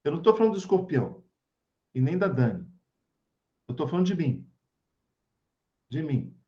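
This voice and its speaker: A man's voice: on the high side, big pitch swings, normal speed, highs cut off. A man with a Brazilian accent giving an informal spiritual talk to a group over a video call, chatty and checking in with his listeners as he goes. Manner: chatty, keeps checking in with tag questions. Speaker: spiritist study group speaker.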